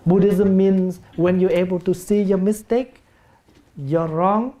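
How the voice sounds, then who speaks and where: A Buddhist monk, a man with a Vietnamese accent and Vietnamese as his first language, giving a gentle, plain-spoken dharma talk in English and acting out family scenes with humor. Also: high voice, steady tone, a little slow.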